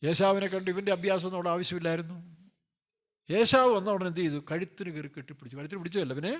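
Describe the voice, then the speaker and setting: Man, pastor, sermon, high voice, joking, rhetorical questions, playful character voices. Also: very fast.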